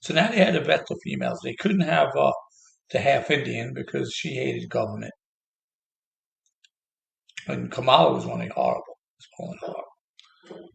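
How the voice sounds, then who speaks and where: A man's voice: mid-range voice, very animated, normal speed, creaky, long pauses. A man delivering a heated, sarcastic political rant as a commentator. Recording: echoey room.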